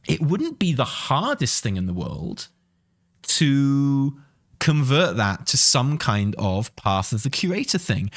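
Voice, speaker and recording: With a high, fairly bright voice, this video game host and commentator thinks aloud enthusiastically, keeping things conversational and emphatic and repeating lines to drive points home. It's a dry, studio-quality recording.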